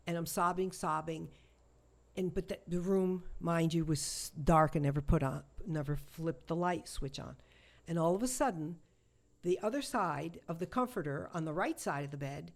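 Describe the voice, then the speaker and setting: A woman, a shamanic healer, telling a personal story in an interview, halting and emotional, with many restarts and repetitions. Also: fairly low pitch.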